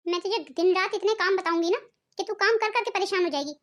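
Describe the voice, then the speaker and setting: A woman voicing a scheming, bossy middle-aged mother-in-law in a cartoon, talking in a sharp, commanding way. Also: extremely high pitch, steady tone, fast talker.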